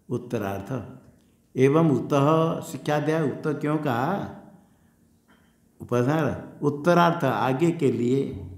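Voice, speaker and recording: A man, a swami, giving a scripture class in an ashram hall, slowly repeating key terms and drilling recitation. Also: medium pitch, darkish tone. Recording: echoey room.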